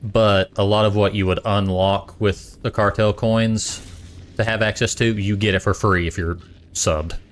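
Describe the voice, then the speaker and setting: A man's voice: lowish voice, steady tone, measured pace. A young adult man casually chatting while streaming a game, rambling and eating as he talks. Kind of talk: casual gaming stream chat.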